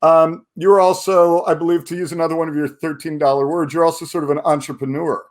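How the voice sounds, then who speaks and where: A male host leads a casual interview with a slightly higher voice. He teases his guest playfully and keeps the chat moving. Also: little pitch movement, quick pace. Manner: teasing, playful.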